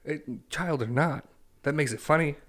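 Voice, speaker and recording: A man's voice: on the high side, normal speed, fairly bright tone. A young man co-hosting a podcast, ranting bluntly and swearing a lot in casual chat. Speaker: podcast co-host.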